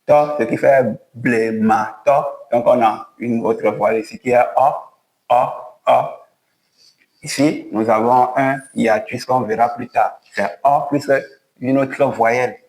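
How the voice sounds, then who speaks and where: A man's voice: mid-range voice, fairly even intonation, a little mellow, reverberant, rough recording. A man teaching how to write and read the letters of an alphabet, guiding each stroke step by step in a patient way. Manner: slow, patient step-by-step instruction. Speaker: language teacher. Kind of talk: writing lesson at a board.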